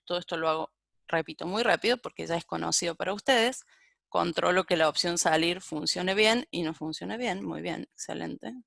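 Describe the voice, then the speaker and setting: Woman teaching programming, slightly gravelly. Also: fairly low pitch, normal speed, a bit bright, dry recording, clean studio sound. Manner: thinks aloud while typing, corrects herself. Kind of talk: live-coding lecture.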